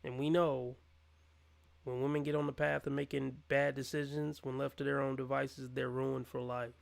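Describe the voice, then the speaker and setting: Ranting scornfully over a dating-show clip, a livestream commentator delivers mocking reaction commentary. He speaks at a moderate pace in a gravelly, medium-pitched voice with a level tone.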